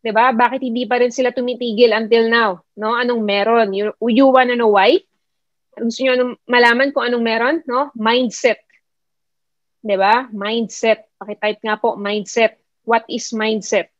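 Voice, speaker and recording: A woman's voice: fairly high pitch, fairly even intonation, normal speed, no echo, muffled recording. A woman with a Filipino accent giving a motivational talk online as a mentor, mixing English into her speech and often putting questions to her listeners. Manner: repetitive, questioning the audience; mixes English into Tagalog. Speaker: network marketing mentor.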